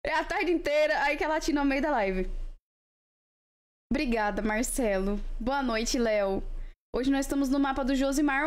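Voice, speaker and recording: A Brazilian woman hosting a live stream, chatting casually with viewers in a playful, teasing way. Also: high voice. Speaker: livestream host.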